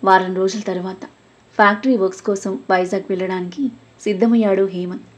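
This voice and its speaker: A woman reads a scripted story aloud in a steady, gentle way. Her voice is husky and breathy, sitting at an ordinary middle pitch. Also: fairly quick.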